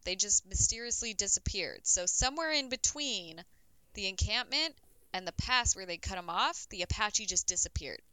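Bright, crisp-voiced woman telling a story. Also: medium pitch, expressive, normal speed, no echo, rough recording. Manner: casual, swears, fillers like um. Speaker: podcast co-host, storyteller. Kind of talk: casual podcast storytelling.

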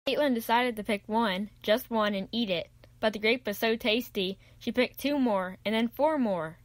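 A woman's voice: fairly high pitch, moderate pace, dry recording. Woman reading a children's Bible story. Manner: even, clear, read-aloud.

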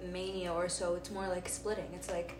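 A woman's voice: on the low side, little pitch movement, moderate pace. A woman co-hosting a casual podcast chat, rambling with many fillers and reading aloud from her phone. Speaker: podcast co-host. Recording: roomy and distant, noisy.

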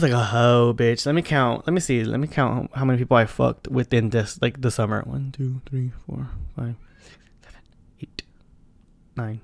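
A man in his twenties hosting a solo podcast, talking bluntly and profanely, with loud bursts and quiet asides. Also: mid-range voice, vocal fry. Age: 20s. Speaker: podcast host. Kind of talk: casual solo podcast chat.

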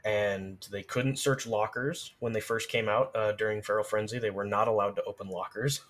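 This podcast guest, an authority on game lore and gameplay, speaks in a lowish, fairly bright voice at normal speed and a steady tone. He goes into detail in a relaxed way that shows real command of the topic.

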